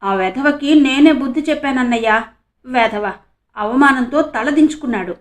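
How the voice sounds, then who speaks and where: A woman's voice: sits high, moderate pace, pitched above the performer's own voice, lightly acted. A woman voicing a young female college student who tells her story tearfully and bitterly. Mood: resentful. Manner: tearful, resentful. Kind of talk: audiobook character reading.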